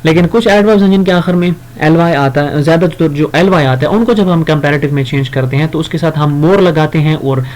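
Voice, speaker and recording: A man teaches grammar. He reads each example slowly and carefully, then explains it in a relaxed, conversational way, pausing on fillers and correcting himself as he goes. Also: fairly high pitch. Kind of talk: grammar lesson.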